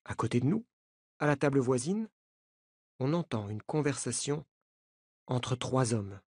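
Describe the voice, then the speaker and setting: A narrator reading a novel aloud in a slow, clear, learner-paced way. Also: mid-range voice, lively intonation, a little mellow, no echo, clean studio sound. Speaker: audiobook narrator. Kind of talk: scripted narration of a graded-reader novel.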